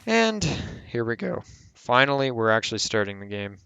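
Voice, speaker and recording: A man's voice: medium pitch, sing-song, moderate pace, pushed and bright, smooth, no echo. A man hosting a casual gameplay tutorial who rambles and corrects himself mid-sentence as he explains. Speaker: game tutorial host.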